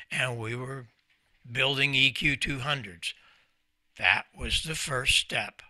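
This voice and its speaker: An older American man in his 70s or beyond, a company founder, gives an informal talk in a folksy, emphatic storyteller's style. His medium-pitched voice is bright and forceful, captured close on a desk microphone in front of him as he sits at a desk in a small ham radio room, with no room sound.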